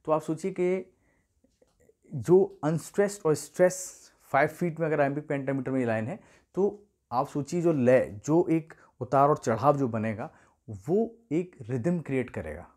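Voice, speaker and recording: Man teaching literature, mellow warm voice, slows down on key terms. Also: a little high. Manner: patient, repeats key terms, slow emphasis on terms. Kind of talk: explanatory video lesson.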